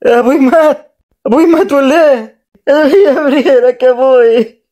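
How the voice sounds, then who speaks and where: A man with an Egyptian accent voicing a grieving young son who begs to stay by his dead father in an animated drama. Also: very high-pitched, fast. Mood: tearful. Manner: tearful, pleading.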